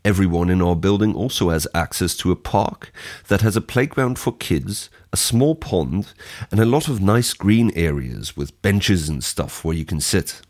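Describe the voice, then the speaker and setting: A man's voice: low voice, animated, moderate pace, darkish tone. A young man giving a scripted first-person description of his home for a listening exercise, read steadily.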